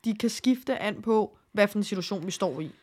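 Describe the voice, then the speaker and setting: A woman's voice: medium pitch, darkish tone. A young woman, co-hosting a casual podcast and responding in a sympathetic, reflective way. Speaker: podcast co-host.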